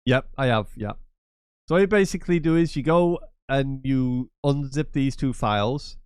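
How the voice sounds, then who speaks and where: In a casual screen-share tutorial, a gaming channel host congested from a cold speaks with a blocked, nasal voice. It is medium-pitched, a little mellow, and clean, at a moderate pace, in a studio-quality recording with no room sound. He's chatty and repetitive, given to rambling asides.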